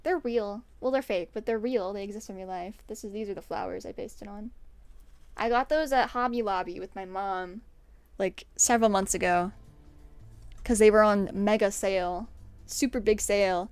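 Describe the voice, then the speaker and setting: A young woman streamer chatting casually to her viewers, bubbly and excitable, often breaking into giggles. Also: mid-range voice, normal speed, smooth, no echo. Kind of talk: casual livestream chat.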